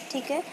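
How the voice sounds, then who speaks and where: A woman teacher giving a recorded English lesson to schoolchildren, explaining slowly, mixing Hindi with English terms and repeating words for pronunciation practice. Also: darkish tone, slight background noise.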